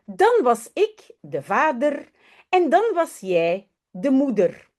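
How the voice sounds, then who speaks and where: A woman's voice: high voice, huge pitch swings, slow, darkish tone, pitched above the performer's own voice, full character voice. A woman voicing a doubtful, stubborn little boy in a children's story, in a questioning storybook voice. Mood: playful.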